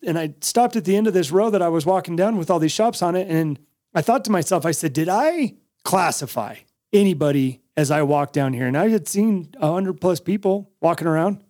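Higher-voiced American man, emphatic podcast talk. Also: fairly quick, dark tone, no room sound, clean studio sound. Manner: emphatic, repeats points, casual swearing. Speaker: podcast host. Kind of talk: casual opinionated podcast talk.

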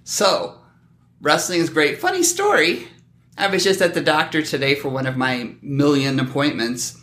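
Bright, forceful middle-aged man bantering. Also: fairly high pitch, moderate pace, echoey room. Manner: animated, joking, mock-defensive. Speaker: podcast host. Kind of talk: casual comedic banter.

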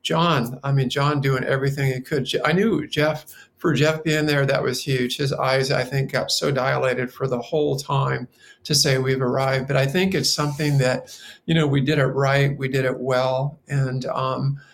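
Gravelly man reflecting enthusiastically. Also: medium pitch, level tone, normal speed. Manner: reflective, enthusiastic, clears throat often. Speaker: triathlon coach and guest. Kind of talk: casual podcast conversation.

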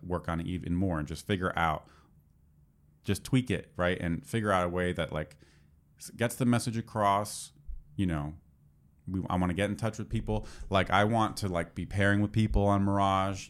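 Low-voiced rambling man. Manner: rambling, many fillers. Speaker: podcast co-host, developer. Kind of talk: casual chat.

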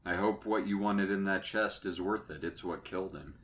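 A man plays his character in a tabletop game and talks plainly and earnestly. His voice sits low in pitch. The tone is bright and forward. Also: moderate pace, slight background noise. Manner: direct, earnest speech. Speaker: player.

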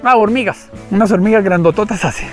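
A man, an animal rescuer interviewed as a guest, telling stories expressively and acting out the voices and shouts. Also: high voice, quick pace, soft background music. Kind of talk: animated storytelling.

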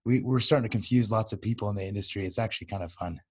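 A man hosting a casual podcast, his voice hoarse, gravelly and raspy as if nearly lost. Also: lowish voice, racing, a little mellow. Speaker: podcast host.

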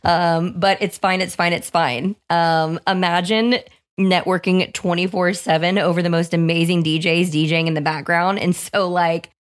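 A young woman with a hoarse, somewhat low voice talks through her podcast in a loose, chatty way. She is upbeat and fills her sentences with "like". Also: fairly even intonation, normal speed. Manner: chatty, upbeat, says "like" often. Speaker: podcast host. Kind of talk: casual podcast monologue.

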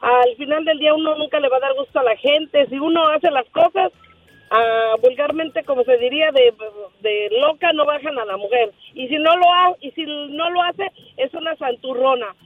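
A woman's voice: high-pitched, moderate pace, no echo. A woman calling in to a radio show, chatty and playful. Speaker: caller. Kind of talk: phone-in chat. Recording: dull, dry phone line.

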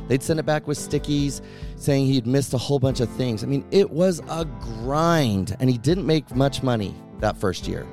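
A man's voice: mid-range voice, darkish tone. A male podcast host narrating a guest's story and reflecting on it. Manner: reflective, explanatory.

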